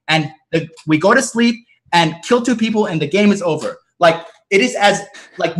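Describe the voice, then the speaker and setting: Guy going hoarse, arguing hard in a game, keeps repeating himself, kinda high voice. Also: fairly bright tone. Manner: insistent, persuasive, repeats points. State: losing his voice. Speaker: player in a live party game. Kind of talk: heated game argument.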